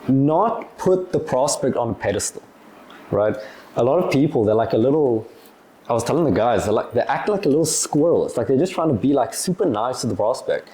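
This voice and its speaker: A man's voice: mid-range voice, warm tone. A young man in his twenties, an agency owner, answering viewer questions in a loose, chatty way with lots of fillers. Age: 20s. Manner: loose and chatty, lots of "like", acts out little dialogues. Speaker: agency owner giving business advice. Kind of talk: casual talking-head Q&A.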